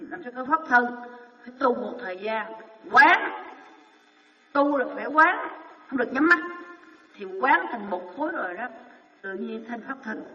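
Man preaching from afar. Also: very high voice. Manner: poses rhetorical questions and answers them himself, emphatic. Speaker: Buddhist dharma teacher. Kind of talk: sermon. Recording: dull, echoey hall recording from far off.

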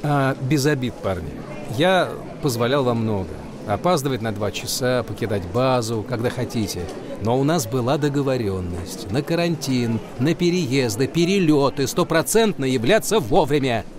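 A man's voice: mid-range voice, animated, moderate pace, crowd noise, lightly acted. An actor playing a middle-aged football coach, stern but fatherly, in film dialogue.

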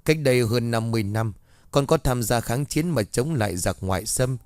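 A man voicing the ghost of a male soldier who possesses a girl, gruff in threats and humble in pleading. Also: mid-range voice, expressive, normal speed, a little mellow, no echo, natural voice. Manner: rough threats turning to begging.

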